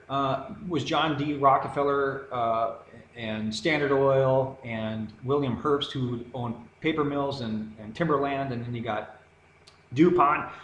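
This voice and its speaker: A man's voice: mid-range voice, a bit bright. A man delivering a heated, rambling monologue to camera, sarcastic and insistent. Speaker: video commentator. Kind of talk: ranting monologue. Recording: echoey room with faint background noise.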